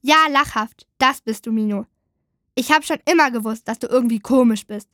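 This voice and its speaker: A woman's voice: a little high, normal speed, a bit bright, dry recording, studio quality, lightly acted. A woman voicing a mean, mocking male wooden creature in a storybook. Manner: scornful, mocking.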